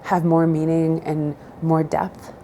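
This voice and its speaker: A middle-aged woman from southern Idaho, Spanish being her first language, gives measured, thoughtful interview answers broken up by frequent pauses. Her low, warm voice has a completely flat delivery, and slight background noise is present.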